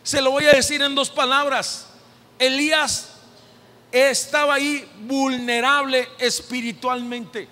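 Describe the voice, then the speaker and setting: High-voiced Mexican pastor preaching slowly. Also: male voice, level tone. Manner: impassioned preaching, rising to shouted repetition. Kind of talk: sermon. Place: church sanctuary. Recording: long hall reverb in a church.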